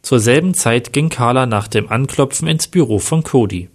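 A man narrating a story aloud with plain, even delivery. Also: medium pitch, moderate pace.

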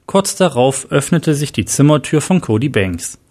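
A man reading out a dramatic story as narrator, at a plain, even pace. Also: mid-range voice, normal speed.

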